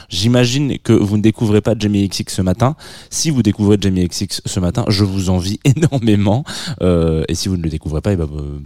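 French guy in his 30s hosting a radio music show, kinda low voice, lots of euhs and false starts, dry close sound. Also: dark tone, no echo. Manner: rambling, hesitant, many filler sounds and restarts. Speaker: radio host.

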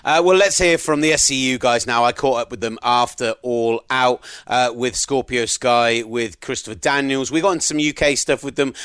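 A man's voice: mid-range voice, a bit bright, smooth, no room sound. A man hosts a podcast in an easy, conversational manner, dropping in fillers as he goes. His voice sits in the middle of the range and is recorded dry and close, with no room sound. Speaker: podcast host. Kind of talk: casual podcast chat.

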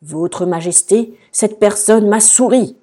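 A woman's voice: mid-range voice, slow, dark tone, pitched above the performer's own voice. A woman voicing a gloomy, stern male castle guard in a storybook, lugubrious and grumbling. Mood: formal.

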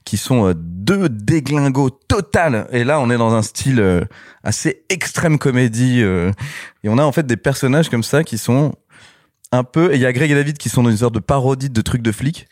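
A man's voice: medium pitch, normal speed, dry recording. Chill guy, film director, lots of euh, dry close mic. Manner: relaxed, hesitant with many fillers. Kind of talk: casual interview chat.

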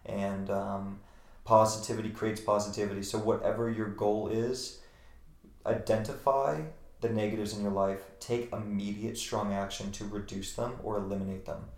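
Gravelly man giving earnest life advice. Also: on the low side, level tone, moderate pace, darkish tone. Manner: earnest, emphatic, repeats key phrases. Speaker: interview guest. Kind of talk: motivational interview answers. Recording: roomy echo.

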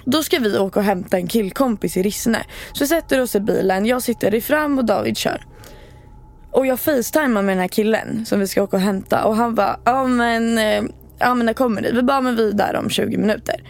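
A woman's voice: mid-range voice, creaky. A woman co-hosting a podcast, telling stories in a casual chat and acting out what people said. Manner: animated storyteller, acts out quotes. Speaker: podcast co-host.

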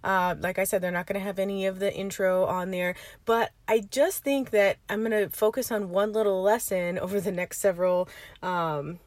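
A woman's voice: mid-range voice, fairly even intonation, moderate pace, no echo. A woman hosting a podcast and rambling casually while sitting in her parked car, laughing now and then. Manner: rambling, chatty, laughs often. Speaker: podcast host and coach. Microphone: informal setup, no computer.

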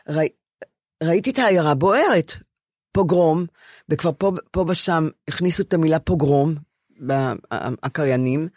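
An older Israeli woman co-hosting a podcast, speaking haltingly with many restarts and deep emotion. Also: a little mellow, dry recording, clean studio sound. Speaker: podcast co-host. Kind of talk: casual conversation.

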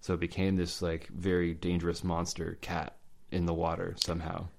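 A man talking casually as podcast co-host, halting with many fillers and restarts. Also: low voice, monotone, gravelly. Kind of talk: casual chat about legends.

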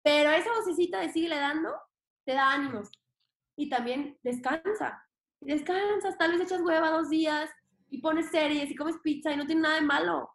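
A woman's voice: sits high, normal speed. A young woman with a Mexican accent, a podcast guest talking casually and emphatically, with slang and the odd swear word. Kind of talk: casual interview talk. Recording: roomy echo.

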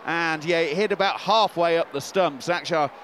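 A man's voice: fairly high pitch, moderate pace, a bit bright, a little hiss or hum. A man giving live cricket commentary as a commentator, summing up play.

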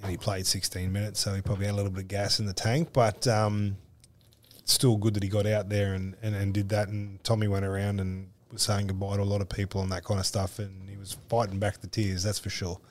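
A sports podcast co-host chats in a laid-back, rambling way about players, laughing easily, his fairly low voice brisk and with little pitch movement.

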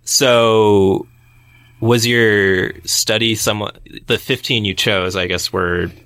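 A man's voice: lowish voice, steady tone, slow, fairly bright tone, clean tone, no echo. A man hosting a casual interview, recapping the guest's answers and prompting her with questions. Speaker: podcast host.

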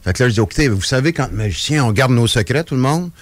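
Speaking quickly in a mid-range voice, this guest magician, a Quebec French-accented man from Trois-Rivières aged 50 or older, spins jokey anecdotes on the radio. He rambles, breaks into his own sentences and drifts off topic, animated throughout, in a dry studio with no room sound.

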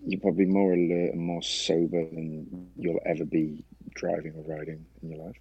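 Deep gravelly man, halting and dull. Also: flat delivery. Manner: halting, many fillers and restarts. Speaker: guest sharing his story. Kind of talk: casual interview chat.

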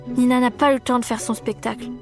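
A woman narrating a children's story aloud in a lively, expressive way for young listeners. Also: fairly high pitch, fast talker, soft background music.

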